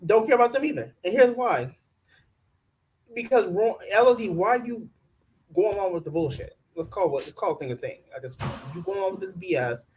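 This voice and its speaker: A man's voice: high-pitched, expressive, a little fast, a little mellow, poor audio. A man in his forties co-hosting a reality-show recap, laid-back with wry jokes and lots of "like". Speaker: podcast co-host reviewing a reality show. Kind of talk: casual commentary chat.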